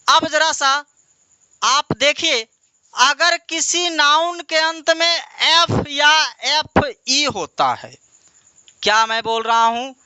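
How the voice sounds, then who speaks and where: A man's voice: very high voice, sharp tone, clean tone, dry recording. A man teaching an English grammar lesson, asking questions and answering them himself and repeating key words. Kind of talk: classroom lesson.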